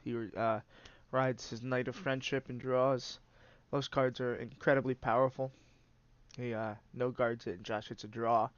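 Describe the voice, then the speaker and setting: The recording is dry and clean in tone but with the highs cut off, capturing a medium-pitched man whose nose is congested. As host, he gives casual, rambling play-by-play of a card game, often saying "uh" and starting over.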